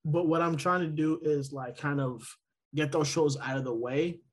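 This podcast co-host has a slightly high voice with a steady tone and a moderate pace. He talks casually and rambles, constantly using fillers and starting his sentences over.

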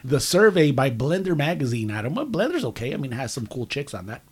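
Co-hosting a laid-back comedy podcast, this man cracks jokes, laughs a lot, and repeatedly addresses his co-host by name. His voice is husky and mid-pitched, with a sing-song, fast delivery.

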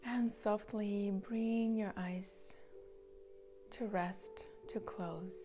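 A woman guiding a grounding meditation, talking softly and slowly, with some words breathed out in a whisper. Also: mid-range voice, fairly even intonation, faint music behind. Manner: slow, soft, partly whispered guidance. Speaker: meditation guide. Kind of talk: guided meditation.

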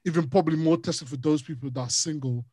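A man's voice: a little high, fast talker, breathy edge, no room sound. A young man co-hosting a podcast, telling stories in casual chat and laughing often. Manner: animated storyteller, laughs often. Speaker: podcast co-host.

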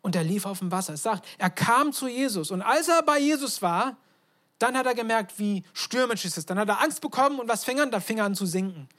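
Woman preaching a lively, chatty sermon. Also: on the high side, a little fast. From abroad, moved to Germany. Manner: lively storytelling, asks rhetorical questions, tag "ne?". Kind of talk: conversational sermon.

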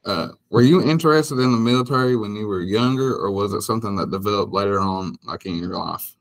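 A male co-host asking interview questions in a polite, measured way. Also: lowish voice.

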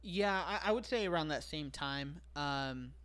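A man's voice: a little high, expressive, unhurried, fairly bright tone, smooth. A man talking as a podcast guest in casual chat. He speaks frankly and profanely, with lots of fillers and self-deprecating humor.

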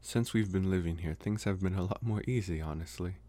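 In an ASMR roleplay, a man voices a socially awkward young college vampire, giving an intimate monologue to the listener. His very deep, warm voice is lightly acted, halting and hesitant as the possessive yet earnest character tries to sound intimidating. The mood is reflective and open.

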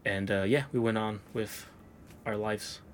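A man's voice: fairly low pitch, fairly even intonation, a little slow, slight background noise. Laid-back young man telling a story. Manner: laid-back, profane, drifts into quoted voices. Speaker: podcast guest. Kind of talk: casual storytelling chat.

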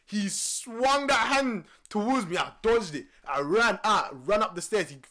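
A man in his early twenties from London, born in or brought over from Nigeria, tells stories in a casual chat with a London roadman accent, multicultural London English. He uses street slang and repeats phrases for emphasis. His high-pitched voice is pushed and bright, with lively intonation and a slightly slow pace, making his storytelling animated.

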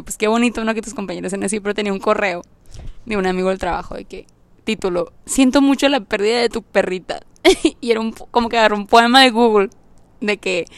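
A young adult woman with a Mexican accent, telling a personal story on her podcast in an expressive, slangy way with English phrases mixed in. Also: a little high, no echo. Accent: Mexican Spanish. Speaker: podcast host. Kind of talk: casual storytelling monologue.

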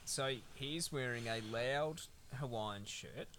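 A man's voice: mid-range voice, slow pace, fairly bright tone, slight background noise. A man co-hosting a podcast, recapping a film in a rambling, sweary, laid-back way. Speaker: podcast co-host. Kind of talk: casual film-review chat.

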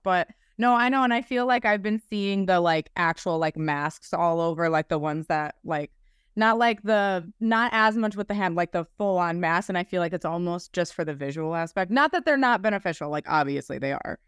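A woman's voice: lowish voice, moderate pace, clean tone, no room sound, studio quality. A woman hosting a podcast in a casual, chatty way, with informal phrasing peppered with "like". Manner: informal, frequent "like" as filler. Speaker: podcast host.

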